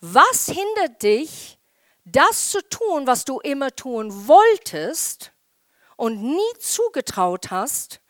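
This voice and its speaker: Woman pastor, animated sermon delivery, slow and deliberate, dry close sound. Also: high-pitched, no echo. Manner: animated, acts out quoted voices.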